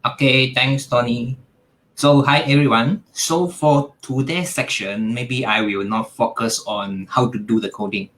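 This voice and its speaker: A Malaysian man leading an online technical lesson, explaining things calmly and plainly. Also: medium pitch, measured pace. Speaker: technical trainer.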